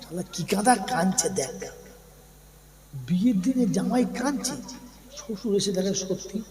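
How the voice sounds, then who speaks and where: High-voiced preacher in an echoey hall. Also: male voice, normal speed. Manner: animated storytelling with jokes and questions to the crowd. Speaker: Islamic preacher. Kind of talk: Bengali waz sermon. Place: large sermon gathering. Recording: echoey hall with long reverb.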